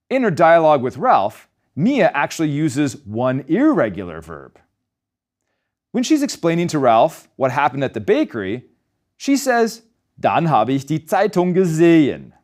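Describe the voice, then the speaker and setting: Lively-pitched man teaching German grammar. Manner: explains grammar step by step, slowing to pronounce German example words. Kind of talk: scripted language lesson narration.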